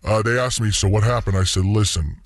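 A man's voice: on the low side, a little fast, no echo, clean studio sound. A man telling a story on a radio show as an anonymous guest, his voice altered with a voice changer. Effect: voice changer disguise.

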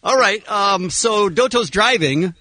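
A man's voice: high voice, expressive, a little slow, sharp tone, no echo. A man hosting a casual radio show, bantering with guests.

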